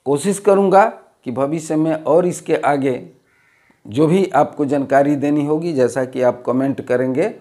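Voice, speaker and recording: A man's voice: fairly high pitch, unhurried, mellow. A man teaching a grammar lesson, explaining step by step and repeating each rule. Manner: rises on new points, drops at line ends.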